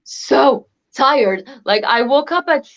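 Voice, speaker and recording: A woman with a high, lively voice speaks slowly, and the audio sounds dull. Her first languages are French and Moroccan Arabic, and she's a guest singer chatting in a casual live video interview over a video call, laughing often and using lots of fillers.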